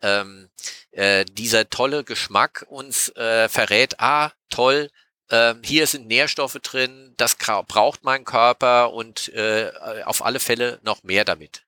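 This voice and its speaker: Bright-voiced man explaining food science. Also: medium pitch, takes it slowly, clean tone, no room sound. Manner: explains patiently in a lecturing tone, with frequent 'äh' and 'ähm' hesitations. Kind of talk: casual explanatory podcast talk.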